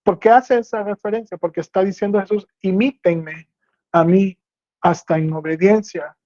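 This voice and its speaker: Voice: mid-range voice, fairly even intonation, moderate pace, warm tone, no echo. Bible teacher preaching, explains step by step, keeps asking if you follow, dull dry recording. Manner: explanatory, checks understanding with rhetorical questions. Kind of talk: teaching sermon.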